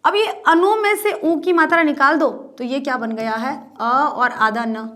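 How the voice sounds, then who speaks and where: High-voiced woman teaching grammar. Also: unhurried, pushed and bright. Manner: explains step by step, often repeating with rhetorical questions. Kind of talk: Hindi grammar lesson at a board.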